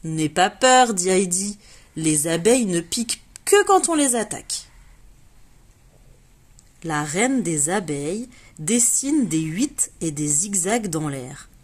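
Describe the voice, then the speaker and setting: Husky woman reading a children's storybook. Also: fairly low pitch, slow. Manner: lively, puts on bright voices for the children in the story. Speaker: reader of a children's book.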